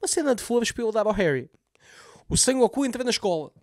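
A man's voice: extremely high pitch, big pitch swings, fast talker, no room sound, clean studio sound. A man with a Lisbon Portuguese accent doing a comedic recap of a TV series, sarcastic and full of swearing. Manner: sarcastic, swears a lot, mocks the scenes.

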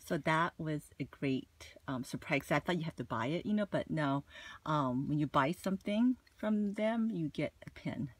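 Gushing over her purchases, a woman chats animatedly at normal speed in a deep voice, filling her haul vlog with "like" and "you know." The recording has no room sound.

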